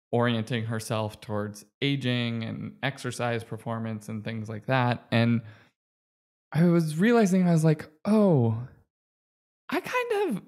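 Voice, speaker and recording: A man in his late thirties hosting a casual podcast chat, talking in a rambling, chatty way with frequent laughs and restarts. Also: medium pitch. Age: 30s. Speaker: podcast host.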